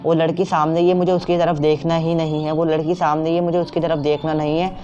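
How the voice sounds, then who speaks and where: A man's voice: a little high, flat delivery, quick pace, a little mellow. A young man commenting on a horror game as he plays, jumpy and full of repeated fillers and startled outbursts. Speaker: gameplay streamer. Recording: dull lo-fi sound with game music.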